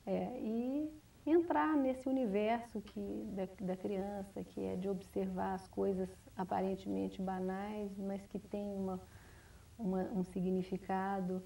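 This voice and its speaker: A woman writer, answering interview questions in a measured, reflective way, often restarting and adding "né?". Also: mid-range voice, fairly even intonation, vocal fry, dark tone. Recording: distant mic, 1990s TV studio recording.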